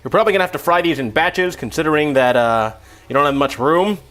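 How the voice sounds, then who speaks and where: A man's voice: a little high, lively intonation, fast, a bit bright, soft background music. A man hosting a casual cooking tutorial in an offhand, self-deprecating, rambling way with trailing asides. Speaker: cooking show host.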